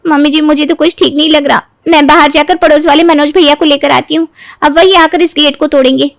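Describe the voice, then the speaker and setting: A woman's voice: high voice, fairly even intonation, a little fast, dry recording, clean studio sound. A woman voicing a caring young sister-in-law who soothes and calls out in alarm.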